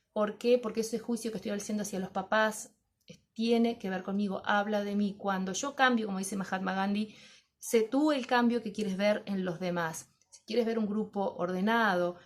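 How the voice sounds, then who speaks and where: A middle-aged woman gives an informal talk to fellow teachers, reflecting aloud and often asking herself questions and then answering them. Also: medium pitch. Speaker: teacher trainer.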